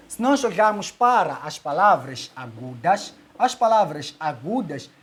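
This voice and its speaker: Woman teacher explaining step by step. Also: mid-range voice. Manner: explains step by step, repeats key words, asks "ok?". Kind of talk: exam-solving lesson.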